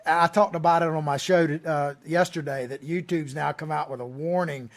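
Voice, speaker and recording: A man's voice: a little high, steady tone, normal speed. A man from small-town Florida with an old Florida cracker Southern accent, hosting a talk show in a folksy, rambling, conversational way. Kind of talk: conversational interviewing.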